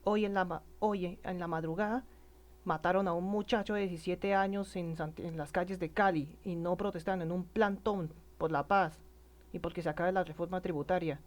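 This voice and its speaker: Halting, earnest man with a regional Colombian accent. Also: high voice, steady tone. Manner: halting, stammering, many restarts; earnest and indignant. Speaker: citizen speaking about protests. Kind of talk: personal spoken monologue.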